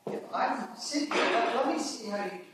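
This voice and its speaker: A man's voice: high voice, lively intonation, moderate pace. A man directing actors at a rehearsal, encouraging and hands-on, often repeating himself. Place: rehearsal stage. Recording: echoey room from far off, background noise.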